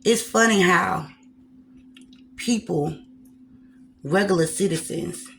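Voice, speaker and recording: A woman's voice: on the low side, takes it slowly, vocal fry, a bit bright, slight background noise. A woman vlogger chatting casually while she eats on camera, repeating phrases and slipping in preachy, folksy asides.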